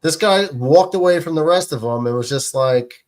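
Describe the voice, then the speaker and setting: A man's voice: fairly high pitch, expressive, moderate pace, a little mellow. A man co-hosting a sports watch party stream, telling a casual story with lots of laughter and voices for the people and animals in it.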